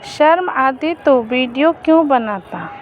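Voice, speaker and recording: A woman putting on a smug young blackmailer, a man who coaxes and mocks in a high voice at an unhurried pace. The sound is muffled and lo-fi, with a faint hiss behind it. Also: lively intonation. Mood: taunting. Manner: mocking, coaxing.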